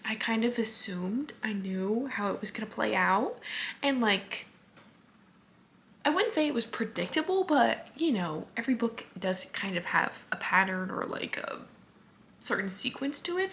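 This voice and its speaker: Gushing over books in a filler-heavy vlog, a young woman in her twenties keeps saying "like" and "literally," her speech softened by a slight lisp from a retainer. She speaks on the high side with a somewhat bright voice, and a little hiss or hum runs under the audio.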